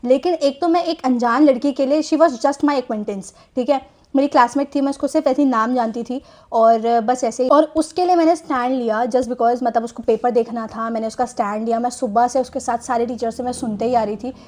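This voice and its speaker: High-voiced young woman telling a story. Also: moderate pace, darkish tone. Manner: chatty, mixes Hindi with English phrases, frequent "theek hai" fillers. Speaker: storytime vlogger. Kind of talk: casual storytelling monologue.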